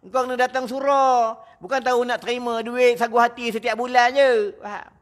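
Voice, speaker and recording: A man's voice: very high voice, little pitch movement, a little fast. A man with a Malaysian Malay accent preaching a mosque lecture, blunt and teasing, scolding his listeners and checking in with them constantly. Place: mosque prayer hall.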